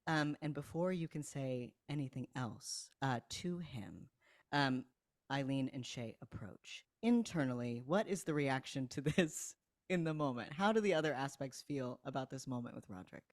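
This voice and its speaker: Woman GM, low, dry, chatty with lots of ums. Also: lively intonation, normal speed, no echo. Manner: warm-hearted, filler-heavy, giggly. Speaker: game master. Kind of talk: narrating a tabletop game.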